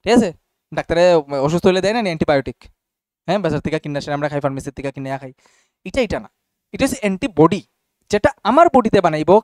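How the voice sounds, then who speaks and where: A man's voice: on the high side, lively intonation, very fast, long pauses, a little mellow, no room sound, studio quality. A young man teaching a class casually and often checking whether students follow. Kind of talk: classroom biology lesson.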